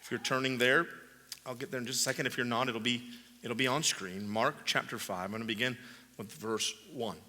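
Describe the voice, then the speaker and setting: A man's voice: mid-range voice, steady tone, brisk, pushed and bright, in a large hall. A man pastor preaching a sermon and reading scripture, emphatic, repeating key phrases for weight. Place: church sanctuary.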